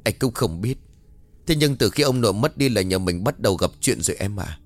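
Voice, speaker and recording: A man's voice: lowish voice, lively intonation, fairly quick, lightly acted. A man voicing a young son who pleads tearfully over his father's illness in a story. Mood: earnest.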